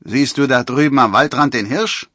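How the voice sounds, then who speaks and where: A sly bully of a forester, as a man puts him on in a storybook reading. His voice is raised, loud and drawn out. It sounds husky and dry. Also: medium pitch, moderate pace, no echo, pitched above the performer's own voice. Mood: taunting. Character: boastful male forester who bets, sly bully.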